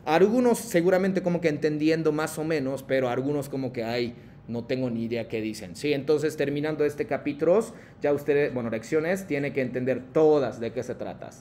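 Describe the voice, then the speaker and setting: A man's voice: on the high side, brisk, hardly any pauses, dark tone, slight background noise. A man teaching a class online and calling on students by name, patient in manner. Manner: patient, calls on students by name, mixes Japanese prompts into Spanish explanations. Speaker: Japanese language teacher.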